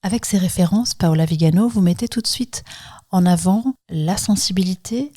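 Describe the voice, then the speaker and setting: A woman journalist hosting a podcast, delivering a scripted intro and asking measured, poised questions. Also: lowish voice, warm tone, slightly rough.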